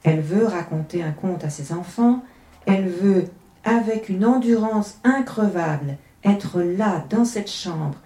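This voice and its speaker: A woman's voice: mid-range voice, lively intonation, a little slow, warm tone. Woman reading a tale in an echoey room. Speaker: reader. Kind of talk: reading a literary tale aloud, then commenting.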